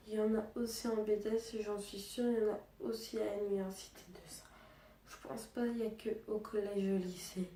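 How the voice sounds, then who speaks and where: A young woman speaking quietly and hesitantly in a personal vlog, subdued and sad, with halting, restarting sentences. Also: medium pitch, reverberant, far from the mic, slight background noise. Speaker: vlogger.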